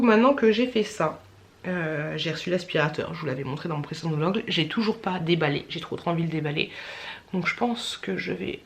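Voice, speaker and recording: A woman's voice: lowish voice, slight background noise. Chatty young French woman vlogging. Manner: chatty, rambling, many fillers. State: tired. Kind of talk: casual chat to camera.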